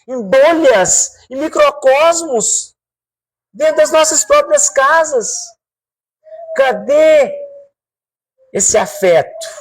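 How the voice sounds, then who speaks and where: Expressive Brazilian man giving a spiritual talk. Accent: Brazilian Portuguese. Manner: expressive, swinging pitch with slow emphatic repetitions; addresses the audience directly with rhetorical questions. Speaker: spiritual speaker.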